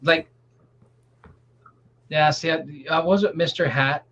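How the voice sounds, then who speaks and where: A man's voice: a little high, takes it slowly. A man from Canada co-hosting a casual political podcast, telling jokes and rambling stories. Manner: animated, joking storyteller. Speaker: podcast co-host. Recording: dull lo-fi sound with faint noise.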